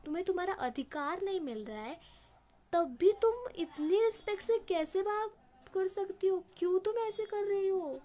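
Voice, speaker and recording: A woman teacher voicing a furious male employer who shouts in a raised, trembling voice. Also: high-pitched, lively intonation, moderate pace. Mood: angry shouting.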